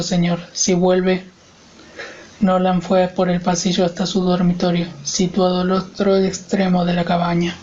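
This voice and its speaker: A man narrating a horror audiobook in a measured, steady voice. His pitch stays almost perfectly flat from line to line. The recording sounds dull and lo-fi, with a faint hiss beneath the voice. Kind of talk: scripted narration of a horror story.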